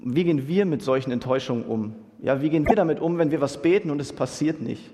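A young man preaching in a relaxed, chatty way, slipping youthful slang into his sermon. His voice sits a little high. It carries the long reverb of a large church hall. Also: quick pace. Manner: casual, youthful slang, asks "Ja?" often.

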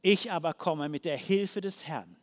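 A man reading the words of young David, bold and defiant, in a slow declamatory way. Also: fairly high pitch, long reverb tail, close to an everyday voice.

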